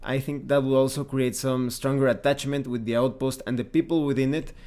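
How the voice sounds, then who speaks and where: A man hosts his own channel as a tabletop game reviewer, delivering semi-scripted commentary that is measured and explanatory, with emphatic wording. His middle-pitched voice stays steady and sounds a little mellow.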